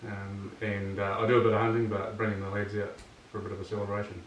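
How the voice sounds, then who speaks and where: A man's voice: lowish voice, monotone, fast talker. A man with a broad New Zealand accent, casually introducing himself. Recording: distant, echoey, faint noise.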